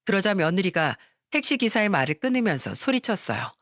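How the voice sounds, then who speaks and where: A woman narrating a scripted first-person story in a calm, confiding manner. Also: medium pitch, a little fast, no echo, clean studio sound.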